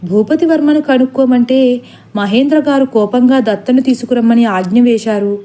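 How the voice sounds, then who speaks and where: A woman's voice: a little high, normal speed, mellow, lightly acted. A woman voicing a worried middle-aged father who turns furious at his son, in a storybook reading. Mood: grave.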